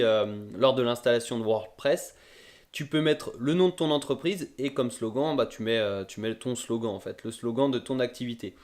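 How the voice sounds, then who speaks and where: A young man, talking through a screen-recorded web tutorial in a casual, friendly way, addressing the viewer directly and pausing often on filler sounds. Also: mid-range voice.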